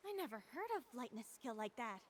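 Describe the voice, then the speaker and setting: A woman's voice: on the high side, sing-song, a little fast, slight background noise. An actress playing a bold, confident female martial arts fighter in a video game, self-assured in delivery. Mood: curious. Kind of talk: scripted game voice acting.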